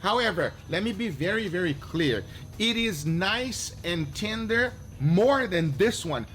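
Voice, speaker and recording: A man's voice: high voice, animated, unhurried, a bit bright. A man hosting a casual cooking video, tasting steaks, teasing his friend and laughing often. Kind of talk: casual chat tasting food.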